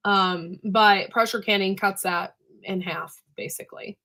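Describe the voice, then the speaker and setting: A woman with a hoarse, smoker-like rasp and a voice that is giving out, chatting casually as host of a livestream and often clearing her throat. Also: medium pitch, steady tone, a little slow, bright, forceful tone. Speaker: host of a live canning chat.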